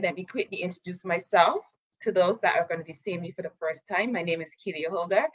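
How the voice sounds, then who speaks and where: A woman's voice: lowish voice, a bit bright, no room sound. A woman hosting a live talk broadcast as a coach, upbeat and chatty. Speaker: talk show host and coach. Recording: dull, dry sound.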